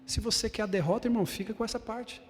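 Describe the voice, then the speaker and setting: High-voiced emphatic preaching man. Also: steady tone, fast, long reverb tail. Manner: emphatic repetition, addressing congregation as irmão. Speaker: bishop preaching. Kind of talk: sermon. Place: large church hall.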